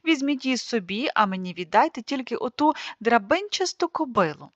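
A woman voicing a cunning young male peasant called a fool, sly and loud when he wails. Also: on the high side, lively intonation, a little fast, no room sound, lo-fi sound. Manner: sly and wailing by turns.

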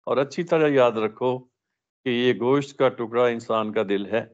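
A middle-aged man at a religious study session, reading a prepared talk aloud in a measured, recited way with the odd slip. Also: medium pitch, dull audio.

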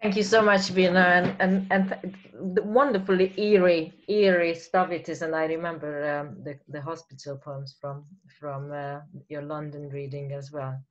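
Woman host, Hungarian first language, low voice, halting and full of restarts, muffled lo-fi call audio. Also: flat delivery. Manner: warm, halting thanks with many restarts. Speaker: event host and curator. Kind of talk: hosting an online poetry reading. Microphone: video call.

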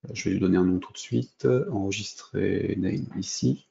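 A man's voice: sits low, fairly even intonation, normal speed, creaky, mellow, lo-fi sound, slight background noise. A French man giving a screen-recorded coding lesson, thinking aloud with many fillers and restarts as he clicks through steps. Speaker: programming instructor.

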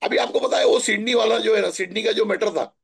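A middle-aged man from Maharashtra telling stories in a chatty, animated way during a spiritual talk. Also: high voice, brisk, vocal fry, slightly rough. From Maharashtra, India. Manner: chatty, animated storytelling with asides. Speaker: spiritual guest answering questions.

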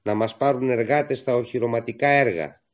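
A man's voice: medium pitch, steady tone, muffled recording, close to an everyday voice. A man playing an earnest young resistance fighter.

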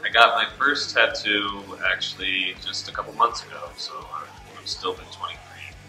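A man's voice: on the low side, moderate pace. A twenty-three-year-old man speaking hesitantly in a seated interview. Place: studio with gray backdrop. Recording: roomy studio with faint music.

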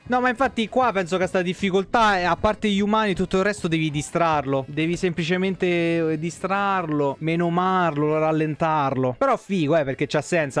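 A young man streaming a horror game, swearing constantly and yelping in panic. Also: fairly high pitch. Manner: swears a lot, panicky yelps and shouting. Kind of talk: live gameplay commentary.

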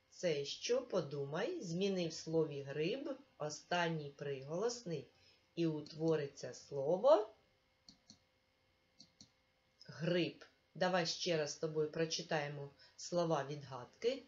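A woman teacher talks a young pupil through a remote lesson, slow and patient and full of encouragement. Her voice sits a little low for a woman. The recording is dull and lo-fi. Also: a little mellow. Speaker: primary school teacher.

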